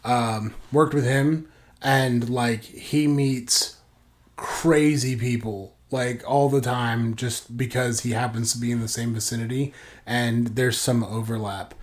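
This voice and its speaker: A male podcast co-host chats casually and rambles, leaning on lots of "like" fillers and breaking into sudden bursts of enthusiasm. His mid-range voice has fairly even intonation, and he takes it slowly.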